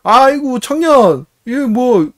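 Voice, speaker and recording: A man's voice: very high-pitched, sing-song, slow, pitched above the performer's own voice, exaggerated voice. A man doing a hearty old country farmer. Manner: loud, hearty, pushy. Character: friendly old male farmer on a tractor.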